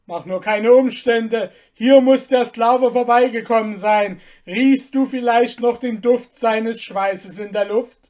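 Loud brutal officer, put on by a woman reader, barking threats, storybook. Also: mid-range voice, voice pushed up, close to an everyday voice. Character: shouting army officer, man, brutal and bullying. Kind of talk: audiobook reading.

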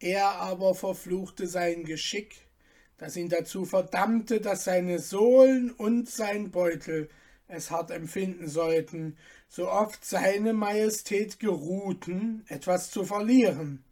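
A woman narrating an audiobook in a measured, unhurried manner. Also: fairly low pitch, dark tone. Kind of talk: audiobook reading.

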